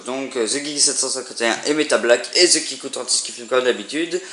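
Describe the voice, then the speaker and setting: A man's voice: mid-range voice, fast talker, a bit bright. A young man presenting a challenge video in casual, rambling talk with slang and crude words. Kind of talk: casual unscripted vlog chat. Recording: roomy echo, faint background noise.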